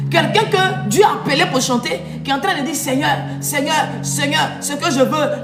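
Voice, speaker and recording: High pitched lady preacher, sing-song emphatic, music playing under, echoey. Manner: emphatic preaching with sung, drawn-out phrases. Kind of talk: sermon. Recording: echoey room with music behind.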